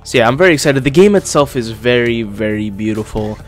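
A man's voice: medium pitch, expressive, fairly quick, soft background music. A young man doing casual let's-play commentary, slightly congested from being sick, talking with a swollen lip. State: getting over being sick. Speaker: gaming YouTuber, host.

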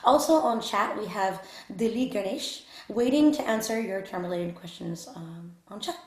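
A woman's voice: medium pitch, normal speed. A woman with a mid-range voice hosts a webinar, introducing the speaker in a polite, formal manner with frequent fillers. Her voice carries a noticeable room echo. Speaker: webinar host.

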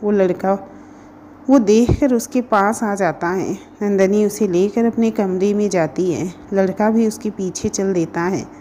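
A woman narrates a scripted story in a steady, even reading voice. Her tone is mellow and dark, and a faint noise runs beneath it. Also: medium pitch, unhurried.

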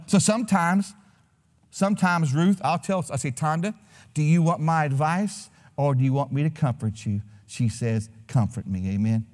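Folksy high-voiced pastor in a reverberant church. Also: male voice. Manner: folksy, conversational preaching with frequent "amen?". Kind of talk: sermon. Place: church sanctuary.

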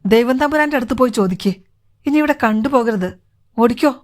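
A woman reading as a gruff, irritable male dealer. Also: a little high, brisk, voice pushed up, natural voice. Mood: annoyed. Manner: brusque, scolding.

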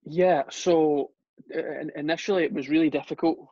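Speaking at a moderate pace in a slightly high voice, this young soccer coach from Scotland is an easygoing interview guest who often uses fillers and restarts. The audio is dry, dull and lo-fi.

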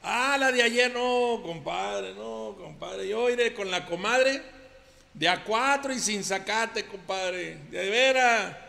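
A man's voice: high voice, takes it slowly, creaky, sharp tone, big-room sound, full character voice. Man doing a blustering macho Mexican ranchero. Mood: defensive. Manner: blustering, defensive, rambling denials. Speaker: comedian.

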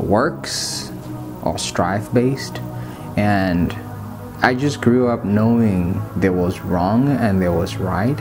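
A young man from Kenya speaks slowly and reflectively, in a very low and deep voice. He shares a personal testimony, with soft background music under his words. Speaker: student testimonial.

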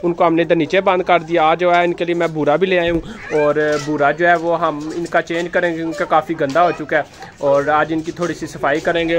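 Filming first-person on a handheld phone, a man with a fairly high voice shows his chickens on a rooftop with coops and casually talks to children as they feed the birds. He's gentle and instructive, often coaxing them.

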